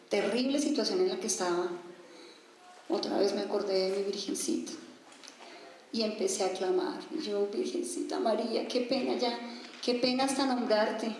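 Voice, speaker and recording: A woman's voice: medium pitch, a little hiss or hum. A woman giving an earnest, emotional religious testimony. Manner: earnest, rising to pleading cries when reliving moments. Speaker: testimony speaker. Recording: very echoey room with faint music.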